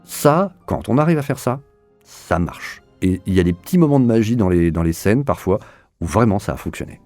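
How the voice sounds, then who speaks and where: This man sounds low-ish, mellow and expressive, talking briskly on a dry recording with quiet background music. Being interviewed about his work directing audio drama, he speaks spontaneously in a sincere, searching manner, repeating words often as he reaches for the next.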